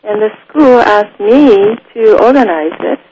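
Slow, thoughtful woman from Japan. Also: medium pitch, animated, husky, dull audio. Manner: slow, thoughtful, often pauses with ums. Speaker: guest. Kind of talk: unhurried spoken interview.

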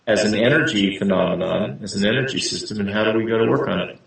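A man's voice: lowish voice, fast talker, creaky, very echoey, distant mic, rough recording. A man speaking in a conversational interview, explaining ideas and checking in with "right?" as he goes. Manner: frequently tags sentences with "right?".

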